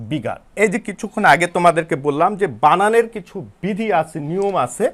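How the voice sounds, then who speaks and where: A male English teacher from Bangladesh giving an online lesson to students, explaining step by step and spelling words out letter by letter. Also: high-pitched. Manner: addresses students directly, repeats himself.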